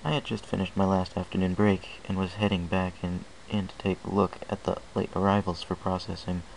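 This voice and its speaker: Narrating fan fiction in the first person, a man uses a fairly low voice with a gravelly creak and a flat delivery at a fairly quick pace. It's a low-quality homemade recording with some noise.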